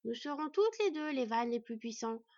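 A woman's voice: on the high side, animated, darkish tone, no room sound, dull audio, lightly acted. A woman voicing a greedy, boastful female giant spider that hisses and gloats over her prey in a storybook reading. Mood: mocking. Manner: hissing, gloating, drawn-out.

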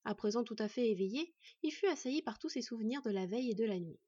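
A woman reading a fantasy storybook aloud in measured, gentle narration. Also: fairly high pitch, lively intonation, breathy edge, no room sound, muffled recording. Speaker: audiobook narrator.

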